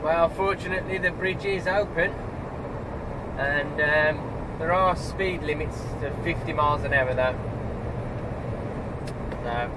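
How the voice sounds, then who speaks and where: A man's voice: a little high, measured pace, long pauses. A young British man driving a truck, chatting casually and cheerfully to his viewers. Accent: British English. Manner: chatty, upbeat commentary to viewers. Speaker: truck driver vlogger. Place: truck cab on the road. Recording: road and engine noise behind.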